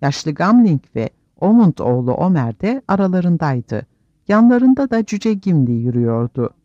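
A man's voice: fairly high pitch, very animated, moderate pace, warm tone, dry recording, dull audio. Dramatic male audiobook narrator. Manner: dramatic storytelling delivery. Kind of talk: scripted fantasy narration.

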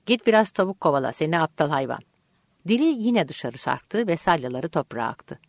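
Woman narrator, audiobook reading, low voice, lively pitch, dry close sound, calm and measured. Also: no echo. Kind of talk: scripted narration.

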